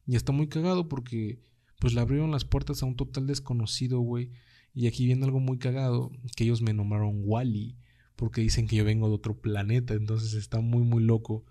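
Casting: young Mexican man, podcast host, low and mellow tone, loose and slangy, swears freely. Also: flat delivery, a little fast. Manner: slangy, swears freely, says "güey" constantly. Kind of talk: casual solo podcast monologue.

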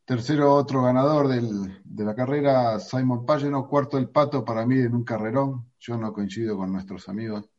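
A man's voice: medium pitch, fairly even intonation, normal speed, few pauses, darkish tone, highs cut off. A man co-hosting a racing show, running through the results with wry, opinionated asides. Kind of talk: race results rundown.

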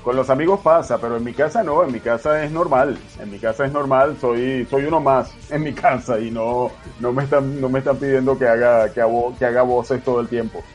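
A man's voice: mid-range voice, steady tone, fairly quick, few pauses, soft background music. A man with a Venezuelan accent, a guest voice actor chatting easily in an interview and often repeating his phrases. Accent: Venezuelan Spanish. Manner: repeats phrases, easygoing storyteller. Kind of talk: relaxed conversational interview.

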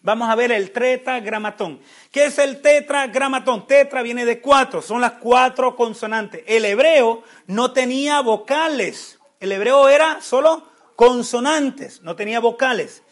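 High-voiced man teaching a Bible class. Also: measured pace. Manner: asks questions then answers them; restarts words often, animated.

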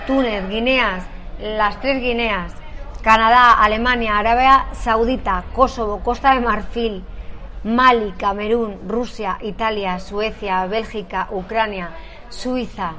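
A woman chats casually on a live stream. Her voice sits a touch high, and she reads long lists aloud with a light, self-deprecating manner. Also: a bit bright. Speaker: co-host.

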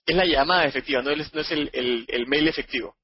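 A man teaching a live sales course, animated and acting out phone calls. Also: fairly high pitch, quick pace, husky. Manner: animated, acts out phone dialogues. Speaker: course instructor. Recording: muffled audio.

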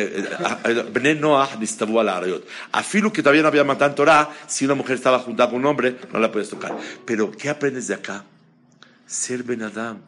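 A man giving a Torah class, animated, asking the audience questions and mixing Hebrew terms into his speech. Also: mid-range voice. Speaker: rabbi teaching a class.

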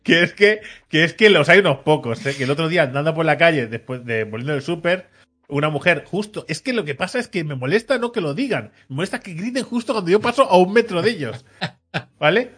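A man co-hosting a podcast, chatting casually and telling stories with lively swings into loud mimicked shouts. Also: fairly high pitch, a little fast, breathy edge. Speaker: podcast co-host. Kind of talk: casual chat.

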